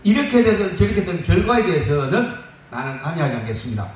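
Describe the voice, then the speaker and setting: Man preaching a sermon, animated and joking, high voice, roomy echo. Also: fast talker. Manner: lively, joking, laughs often. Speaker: pastor. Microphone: phone far off in the room. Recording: echoey room from far off on a phone.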